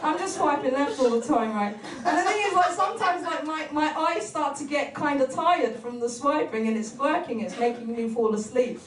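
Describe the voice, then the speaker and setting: Woman, stand-up comedian, animated, acts out voices, echoey room, distant mic. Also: high-pitched, normal speed, hardly any pauses. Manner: animated storytelling, acts out voices, laughs often. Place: comedy stage. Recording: roomy venue sound from a distance.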